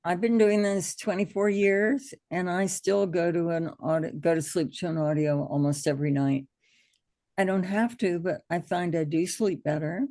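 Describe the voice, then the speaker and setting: Hoarse and gravelly from allergies, this middle-aged American woman leads an informal online hypnosis class, sounding encouraging and reassuring. Her voice is deep with a warm tone.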